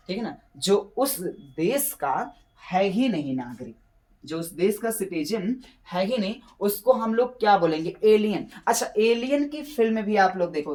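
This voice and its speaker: A male English teacher walks students through exam vocabulary, mixing Hindi explanation with English terms. He stretches each English phrase out slowly, repeats key words several times, and keeps pausing to ask if everyone is following. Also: sits high. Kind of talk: classroom lesson to exam students.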